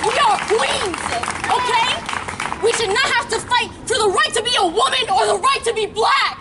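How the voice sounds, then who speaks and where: A teenage girl from New York with a very high voice gives an impassioned protest speech in the open air. She sounds distant from the mic, with a crowd and traffic clearly audible behind her. She is earnest and emphatic. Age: late teens. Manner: earnest, emphatic, with pauses and restarts. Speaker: student rally speaker. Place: outdoor plaza at a street rally. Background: crowd cheering, traffic.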